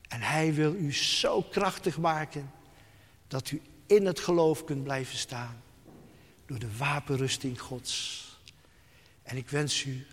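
A man preaching a sermon to his congregation, slow and emphatic, falling to soft, hushed tones. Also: mid-range voice, husky, long reverb tail.

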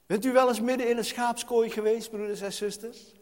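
In a reverberant church hall, a man with a very high, steady, slightly mellow voice preaches briskly to his congregation. He's impassioned, crying out pleas to God and repeatedly addressing the congregation.

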